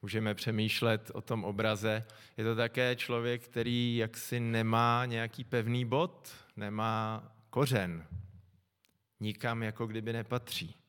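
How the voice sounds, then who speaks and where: A middle-aged man preaching a sermon, calm and reflective, often pausing to think aloud. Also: fairly low pitch, smooth. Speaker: pastor. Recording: long echo from a large hall.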